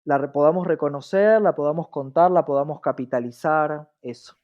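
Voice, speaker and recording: Speaking a little fast in a voice on the high side, an Argentine man reflects as a podcast guest on his diversity work. He frequently checks in with short tag questions, and the lo-fi recording sounds dull.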